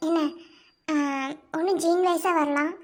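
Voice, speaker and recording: In a cartoon, a performer voices a calm, reassuring woman doctor whose voice sits very high. Speaking slowly, she soothes a worried family by repeating her reassurances.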